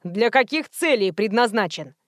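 A woman reading an audiobook voices a stubborn middle-aged male shopper who drones slowly and grumbles. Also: expressive, dry recording, clean studio sound, natural voice. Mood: grumbling. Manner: slow, droning, lower than narration.

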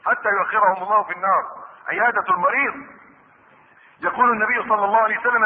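A man with an Egyptian accent preaching a sermon, stressing and repeating key phrases, now loud and now low. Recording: tinny lo-fi lecture recording in a big reverberant hall.

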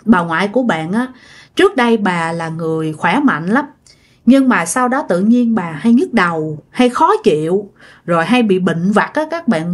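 A woman with a Southern Vietnamese accent tells a ghost story in a casual narration style. She talks chattily and addresses her listeners directly. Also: mid-range voice.

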